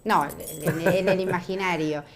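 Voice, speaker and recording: A woman's voice: lowish voice, steady tone, unhurried, gravelly. A woman with an Argentine accent hosting a political talk show, asking reflective questions in easy conversation. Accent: Argentine Spanish. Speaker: host. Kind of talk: radio talk show chat.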